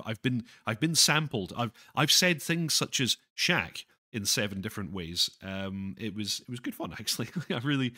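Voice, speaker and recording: A man hosting a live stream, chatting casually with viewers, self-deprecating and halting, with many restarts. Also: lowish voice, sharp tone. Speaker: livestream host reading chat.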